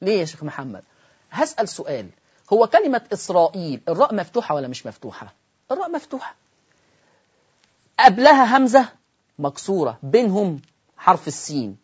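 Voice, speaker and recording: A man with an Egyptian Arabic accent teaching Quran recitation in a televised lesson, explaining with rhetorical questions and slowing down to model the words. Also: high voice, very animated, slightly rough, dull audio.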